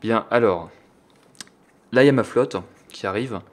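A man's voice: medium pitch, unhurried. A young man casually commentating his strategy game, crude and joking while thinking aloud. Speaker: gameplay commentator. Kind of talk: casual let's-play commentary.

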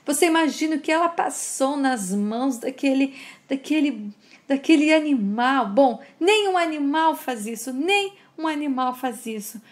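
A woman's voice: sits high, lively intonation, moderate pace, pitched above the performer's own voice. A woman reading the lines of a distraught man, furious and vengeful toward a villain. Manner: agitated, vengeful. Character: distraught middle-aged man, enraged at a villain.

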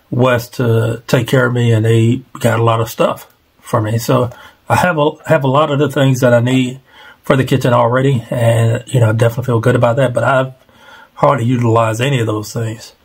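A man's voice: medium pitch, steady tone, brisk, creaky, breathy edge. A man in his forties vlogging casually from his bedroom into a headset mic, rambling and self-deprecating with plenty of fillers. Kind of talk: casual personal vlog. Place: small bedroom at home. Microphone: headset microphone on a webcam call setup.

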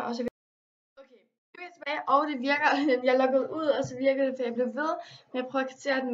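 Young woman, gameplay commentary, excitable, slightly high voice, dull lo-fi mic. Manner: excitable, quick to exclaim and complain, mixes in English slang. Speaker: gaming vlogger.

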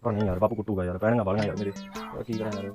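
A man's voice: fairly low pitch, fairly even intonation, racing, over music, natural voice. A young man playing a nervous village youth who stammers and pleads in a panic. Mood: fretting.

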